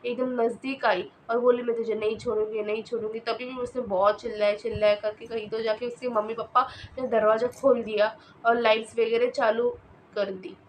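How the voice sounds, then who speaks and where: A woman casually telling a horror story, her speech hesitant and full of fillers and restarts. Her voice sits a little high. Faint background noise is heard. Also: little pitch movement, normal speed, poor audio.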